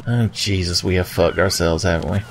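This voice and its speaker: A man's voice: deep voice, brisk, a little hiss or hum. A man giving joking, sarcastic commentary as he plays a video game, swearing casually. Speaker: video game let's player.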